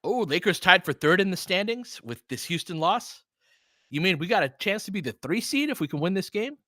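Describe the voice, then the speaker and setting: A stream host gives casual live basketball play-by-play and chats with fans in short, clipped, conversational phrases. His high voice is sing-song, fairly quick, pushed and bright, captured with clean studio sound and no echo.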